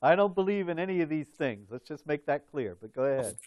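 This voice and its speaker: A male interviewer asking polite, measured questions, with dry asides now and then. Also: fairly high pitch, expressive, highs cut off.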